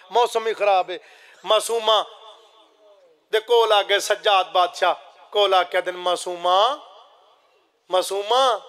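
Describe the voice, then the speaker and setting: A man's voice: high-pitched, pushed and bright. A man reciting a Muharram majlis, speaking to the gathering directly and rising into chanted lament. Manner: impassioned, addresses listeners directly, swells into chanting.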